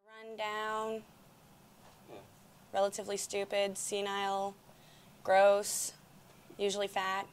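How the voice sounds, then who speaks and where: A woman's voice: mid-range voice, completely flat delivery, slow pace, pauses often, smooth. A young woman of eighteen, a college freshman giving blunt, short interview answers.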